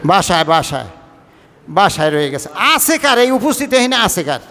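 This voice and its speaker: A man's voice: high voice, sing-song, a little fast, sharp tone, big-room sound, slight background noise. A man from Bangladesh's Barishal region, speaking with a Barishal-tinged Bengali accent, preaching a Friday sermon. He talks conversationally, mixing colloquial and formal speech, and keeps asking the congregation questions. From Barishal-Patuakhali region of Bangladesh. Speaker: imam preaching.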